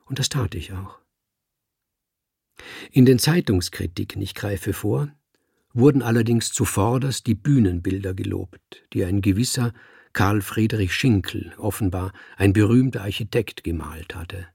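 A man reading a first-person novel aloud with wry, understated storytelling and a husky, gravelly voice. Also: fairly low pitch, unhurried, a little mellow, no echo, studio quality. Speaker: audiobook reader. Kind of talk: first-person literary audiobook narration.

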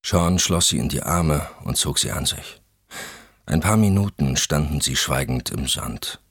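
A man reading a novel aloud as audiobook narrator, in an expressive, scripted style. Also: a bass voice, a little slow, breathy edge, no echo, studio quality.

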